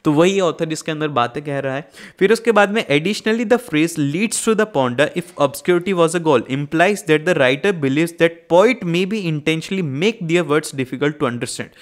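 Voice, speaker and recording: A man teaching an exam prep lesson to students. He explains in Hindi mixed with English terms and reads answer passages aloud slowly. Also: on the high side. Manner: addresses students directly, asks for comments.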